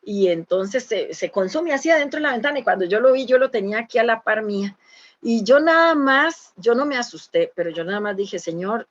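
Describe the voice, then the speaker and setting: A woman's voice: on the high side, expressive, fairly quick, dull audio. A woman with a Costa Rican accent, telling a church conference a testimony in an earnest way, with many fillers and restarts. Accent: Costa Rican Spanish. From Costa Rica. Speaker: church speaker.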